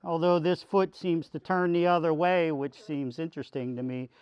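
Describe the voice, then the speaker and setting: In a children's sermon featuring a puppet, a pastor explains things in a simple, folksy style, repeating himself for the kids. His voice is a little high, clear and resonant, steady and moderately paced with no echo. The overall recording sounds dull and lo-fi.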